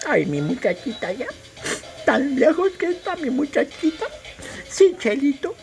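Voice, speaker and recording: A woman's voice: high-pitched, very animated, unhurried, creaky, a little mellow, soft background music, exaggerated voice. A woman playing a loving old grandmother with a Salvadoran accent, fussing over her grandson and husband. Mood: doting. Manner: doting, calls everyone son and dear.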